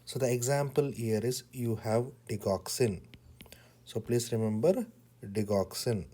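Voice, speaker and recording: Guy giving a pharmacology lesson, super slow, says every key word twice, warm low-key tone. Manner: repeats key words, speaks in short deliberate phrases. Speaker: pharmacology teacher. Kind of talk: slow lecture with repetition.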